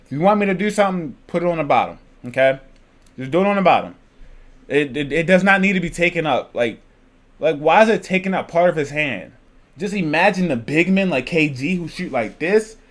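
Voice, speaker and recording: Excitable young-sounding man reacting. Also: on the high side, a little fast. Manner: loose, rambling, excitable chatter. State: out of breath. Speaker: channel host reacting to a video. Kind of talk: casual reaction commentary.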